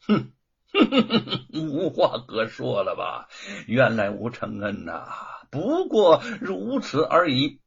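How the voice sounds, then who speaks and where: A man's voice: medium pitch, huge pitch swings, slow pace, creaky, few pauses, slightly rough, exaggerated voice. A male storyteller voicing a scheming, bullying magistrate who gloats and sneers. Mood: gloating. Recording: dull lo-fi recording.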